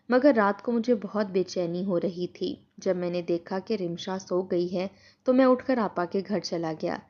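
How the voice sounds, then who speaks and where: A woman narrating a first-person moral story in a steady, earnest storytelling tone. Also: mid-range voice, dull audio.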